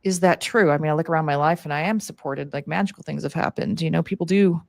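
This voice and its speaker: A woman's voice: sits low, fast, gravelly, a little mellow, dry recording. A woman speaking as an interview guest, explaining animatedly with lots of 'like' and 'you know'. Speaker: guest strategist. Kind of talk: conversational interview.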